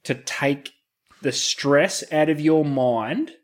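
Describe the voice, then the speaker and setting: A man's voice: a little high, slow pace. Casual Australian man chatting. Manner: laid-back colloquial slang. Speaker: podcast co-host. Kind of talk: casual chat.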